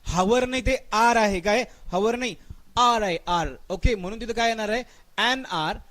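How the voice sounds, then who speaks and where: A man with a Marathi accent teaching English grammar in a live online class, quizzing students and urging quick answers while drawling out the example sentences. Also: high voice, fairly bright tone.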